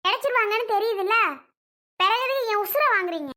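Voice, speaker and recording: Woman as a complaining young wife in a family drama skit, very high bright voice. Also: fast talker. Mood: defensive. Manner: defensive, complaining. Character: defensive young wife Priya.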